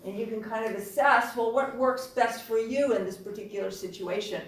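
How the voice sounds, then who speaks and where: A woman facilitating a group workshop, speaking calmly and reflectively with gentle pauses. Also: fairly high pitch. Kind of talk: guiding a group session. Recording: echoey room, distant mic.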